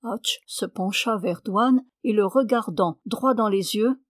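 A woman's voice: medium pitch, a little slow, no room sound. Woman narrating a novel, dry close sound. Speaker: audiobook reader.

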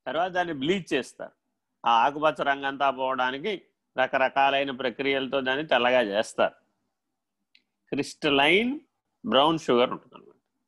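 A man giving a spiritual discourse, animated, swinging from loud rhetorical questions to quiet asides and acting out little dialogues in his own voice. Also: medium pitch, moderate pace, pauses often. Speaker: spiritual teacher.

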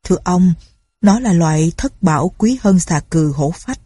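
A woman's voice: lowish voice, expressive, moderate pace, husky, no echo. A woman voicing a desperate old father who pleads and cries out for help. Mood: pleading. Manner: pleading, then shouting for help.

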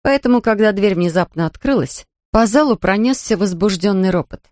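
Steady children's-story narrator, dry sound. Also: medium pitch, fairly quick, no room sound. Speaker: audiobook narrator.

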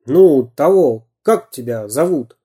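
A storyteller voicing a boastful, gruff pirate captain in a storybook reading, blustering and barking. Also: mid-range voice, lively intonation, takes it slowly, dark tone.

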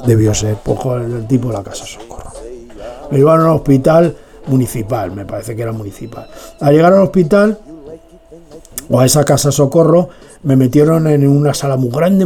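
A man's voice: medium pitch, dark tone. A man, hosting a radio show and telling a long personal story full of filler asides. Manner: digressive, lots of "tal y cual" filler asides. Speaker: radio host. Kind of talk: rambling personal anecdote on radio.

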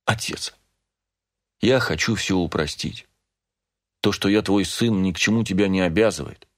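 A man voicing a despairing young son who speaks quietly, tired and resigned, read as an audiobook character. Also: low-pitched, moderate pace.

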